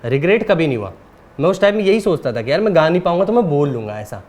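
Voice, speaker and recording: A man, a guest singer, talking in a relaxed, soft-spoken way in a casual interview, often checking in with the listener. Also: fairly high pitch, quick pace. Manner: relaxed storytelling, often ending with a tag question.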